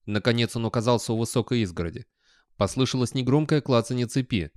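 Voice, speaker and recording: A man reading an audiobook in scripted narration with an even, measured delivery. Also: medium pitch, no room sound, studio quality.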